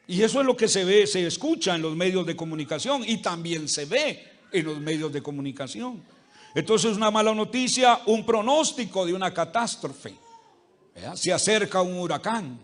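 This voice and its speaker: Man, pastor, high voice, chatty sermon, folksy anecdotes, keeps checking in with the congregation. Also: a bit bright. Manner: folksy, peppers speech with "¿verdad?" and "hermano"; humorous everyday anecdotes. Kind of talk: conversational sermon. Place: church service before a congregation.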